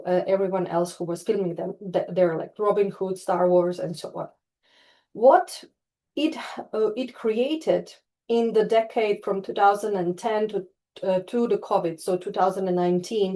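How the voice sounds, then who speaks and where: This woman, a tourism researcher from Istria in Croatia, is presenting online in a webinar via video call. She has a dark, mid-range voice and hesitates a lot, with fillers and false starts.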